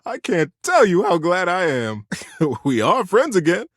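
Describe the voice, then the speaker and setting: A man voicing an affectionate, gentle teddy bear who tells bedtime stories in a tender, earnest, theatrical way for a game. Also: sits high, big pitch swings, unhurried, dry recording, clean studio sound, full character voice. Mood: affectionate, relieved. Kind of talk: expressive storybook narration and tender talk.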